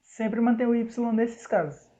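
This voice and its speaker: A man teaching an English lesson in Portuguese, explaining each rule step by step and slowing down to spell out the English examples. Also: very high-pitched, warm tone. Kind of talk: recorded online lesson. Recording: dull lo-fi recording.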